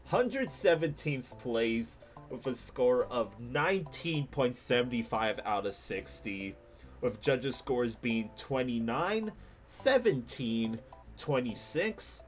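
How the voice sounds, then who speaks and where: A man giving casual gameplay commentary as a streamer, animated and self-mocking, laughing often. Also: mid-range voice.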